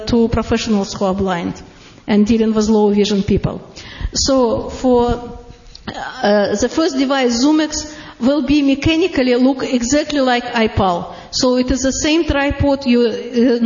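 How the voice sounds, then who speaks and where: A woman with a strong Russian accent demos devices to a live audience, pausing often on fillers and laughing readily. Her voice sits high. The recording is roomy and dull, like a lo-fi capture of a meeting room. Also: darkish tone. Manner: halting, many "uh" fillers, laughs easily. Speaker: product presenter. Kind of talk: live product demonstration to an audience.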